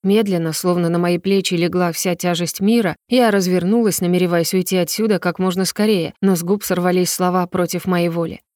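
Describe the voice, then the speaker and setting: A woman's voice: fairly low pitch, steady tone, a little fast, few pauses, darkish tone, no echo, studio quality. Woman narrating an emotional storybook. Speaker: audiobook narrator. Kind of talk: first-person storybook narration.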